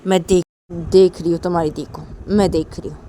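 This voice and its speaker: A woman voicing a stern middle-aged mother-in-law who firmly calms and scolds in a homemade story reading. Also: lowish voice, brisk, slight background noise, voice pushed down, lightly acted. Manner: firm, scolding, orders to stay calm.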